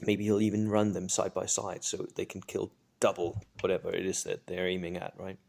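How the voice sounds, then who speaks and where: A man's voice: low voice, flat delivery, a little fast, vocal fry, darkish tone. A man hosting a tabletop wargame tutorial, reviewing an army list in a chatty, casual way, often tagging "right?" onto his points. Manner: chatty, filler-heavy, often asks "right?".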